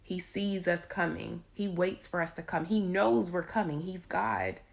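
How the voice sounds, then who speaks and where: Casting: woman, raspy and gravelly lowish voice, informal faith encouragement, emphatic with repeated phrases. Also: expressive, unhurried. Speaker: faith vlogger giving encouragement. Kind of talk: informal devotional talk to followers. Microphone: handheld phone.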